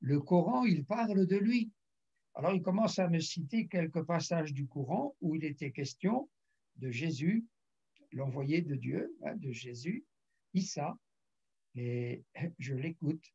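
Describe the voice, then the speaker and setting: A pastor in his later years tells a testimony from the pulpit, acting out each exchange and often clearing his throat. His voice sits a little high, gravelly and husky. The recording sounds muffled and lo-fi. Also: expressive, measured pace, mellow. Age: older. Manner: storytelling, acts out dialogue, frequent throat clearing. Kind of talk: sermon testimony.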